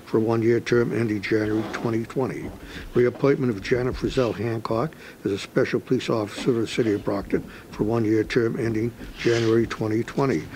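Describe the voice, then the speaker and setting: A man serving as city clerk, reading agenda items aloud in a flat, steady way. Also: medium pitch, a little hiss or hum, rough recording. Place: council meeting room.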